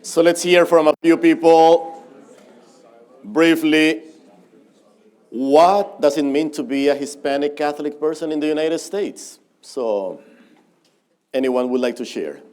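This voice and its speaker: A man's voice: fairly high pitch, fairly even intonation, unhurried, long pauses, a little mellow. A man giving a lecture, leading a group discussion and calling on the audience to share. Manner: invites responses, short affirmations. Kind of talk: moderating audience sharing. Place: lecture hall.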